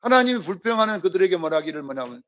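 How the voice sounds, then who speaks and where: A man's voice: high-pitched, sing-song, rapid-fire, pushed and bright. A male pastor preaching a sermon in church, emphatic, firing rhetorical questions and prompting the congregation. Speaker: senior pastor. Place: church service.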